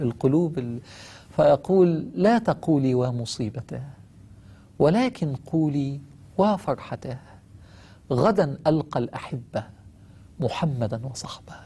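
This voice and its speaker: A man's voice: medium pitch, mellow, breathy edge. A man with an Egyptian Arabic accent preaching a sermon, telling stories with feeling and rising to fervent pleading.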